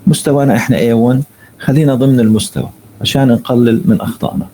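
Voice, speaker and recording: A man teaching an online English lesson. He reads each tip slowly in English and then explains it in Arabic. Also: mid-range voice, dark tone, slight background noise, rough recording.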